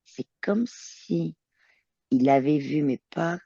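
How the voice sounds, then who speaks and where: Woman telepath talking through visions, lots of heu, gravelly, dry dull sound. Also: deep voice, slow pace, mellow, dry recording. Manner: hesitant, searching for words, many fillers. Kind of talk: describing visions in a channeling session.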